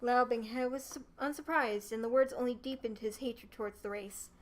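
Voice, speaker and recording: A young adult woman streamer narrating a novel live, reading aloud in an expressive, theatrical way. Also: a little high, moderate pace.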